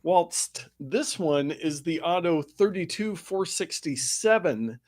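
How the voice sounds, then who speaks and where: A man's voice: on the high side, expressive, slow pace, a little mellow, dry recording, studio quality. A man hosting a tech podcast in casual chat, chatty and going into detail. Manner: chatty, detailed, explains at length. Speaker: podcast host. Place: Pacific Northwest.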